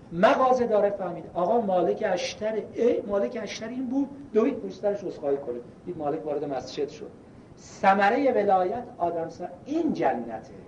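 A man preaching a sermon and telling stories, swinging between loud emphasis and hushed quotes. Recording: echoey, distant, dull lo-fi with faint rumble.

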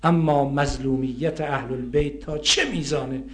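A man preaching a sermon, swinging from loud impassioned outcries to hushed storytelling. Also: mid-range voice, fairly even intonation.

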